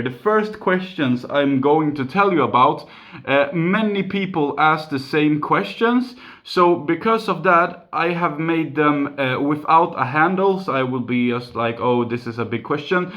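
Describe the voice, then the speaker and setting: A Swedish YouTuber in his twenties chats casually in a vlog filmed on a phone camera in a room at home, speaking with a Swedish accent and plenty of fillers and restarts. His voice is a little high with a fairly bright tone, though the audio sounds dull.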